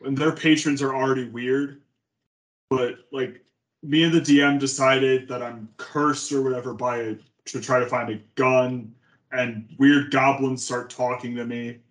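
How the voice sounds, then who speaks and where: A man talks loosely on a podcast, with a middling pitch. His voice sounds roomy and echoey, and he rambles with plenty of "like". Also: fairly even intonation, a little slow. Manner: loose, rambling, says like a lot. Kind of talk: casual podcast chat.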